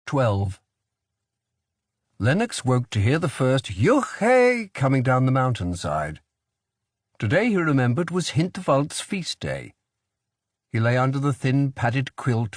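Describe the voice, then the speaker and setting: A man giving a steady, measured scripted narration of a thriller audiobook. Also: medium pitch, no echo, clean studio sound.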